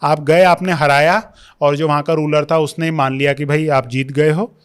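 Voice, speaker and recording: A man's voice: fairly high pitch, steady tone, normal speed, clean tone. A young man, a history scholar who explains at length in a podcast interview, mixing English terms into his Hindi. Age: young adult.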